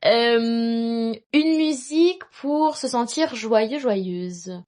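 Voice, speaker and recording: A young woman co-hosting a podcast, leading topics in quick, casual chat and laughing often. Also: on the high side, darkish tone. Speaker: podcast co-host.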